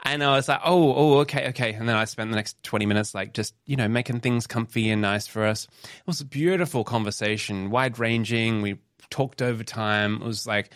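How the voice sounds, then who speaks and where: A man's voice: on the low side, fairly quick, a bit bright, clear, resonant tone, no room sound, clean studio sound. A man hosting a podcast in casual chat, rambling and reflective, often laughing. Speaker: podcast host.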